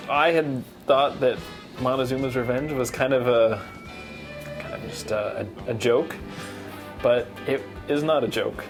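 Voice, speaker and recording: A man recalling his honeymoon in an interview, speaking hesitantly with halting fillers. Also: medium pitch, steady tone, over music. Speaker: guest, the groom. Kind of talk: casual interview recollection.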